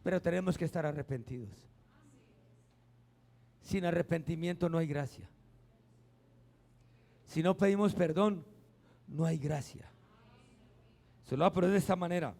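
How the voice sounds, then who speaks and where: A middle-aged man, preaching a sermon as pastor, swinging between loud emphatic peaks and quiet acted-out asides. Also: fairly high pitch, normal speed, gravelly, pauses often.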